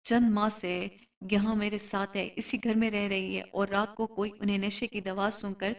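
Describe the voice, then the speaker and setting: A woman narrating a first-person story in an even, steady way, including the quoted dialogue. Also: medium pitch, far from the mic.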